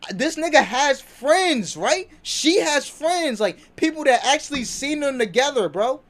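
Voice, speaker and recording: A male streamer offers excitable reaction commentary in a very high-pitched but unhurried voice. He repeats himself emphatically, and all the shouting leaves him hoarse.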